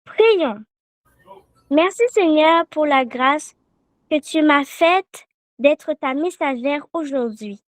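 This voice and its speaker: A woman's voice: high voice, lively intonation, no echo, clean studio sound. A woman preaching a meditation to a children's prayer service, leading the group in repeating a verse. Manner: slow, deliberate, leads call-and-response repetition. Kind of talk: sermon.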